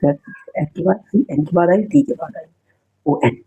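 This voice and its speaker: A man's voice: fairly high pitch, a little slow, warm tone, slightly rough, dull audio. A man teaching an exam-prep spelling lesson, repeating each word, spelling it out letter by letter and explaining its meaning to viewers.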